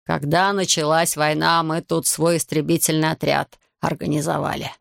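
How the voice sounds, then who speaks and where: A tipsy, bragging old fisherman who drawls and lingers over every toast, his voice gravelly and rough, as a male reader puts him on. Recorded dry and close, with no room sound. The loud, sentimental drunk of an audiobook. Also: fairly high pitch, little pitch movement, normal speed, no echo. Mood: drunk boasting. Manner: slurred, dragging, loud and maudlin.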